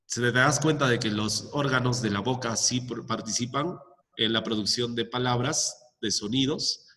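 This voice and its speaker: A man's voice: medium pitch, moderate pace, sharp tone. A male teacher explaining a language lesson to students step by step, checking in often with short questions and giving examples. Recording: long echoing reverb.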